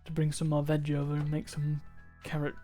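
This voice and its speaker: A man's voice: on the high side, monotone, a little fast, mellow, faint music behind. A man chatting casually on a live stream while gaming, musing aloud and wandering between thoughts. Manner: rambling, musing aloud with restarts and chuckles.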